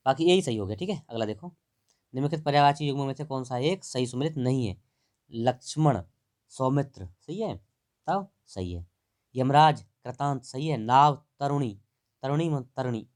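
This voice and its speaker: A man's voice: medium pitch, darkish tone. A man teaching, going through test answers one by one, explaining and correcting, and asking students to answer. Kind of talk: exam answer walkthrough.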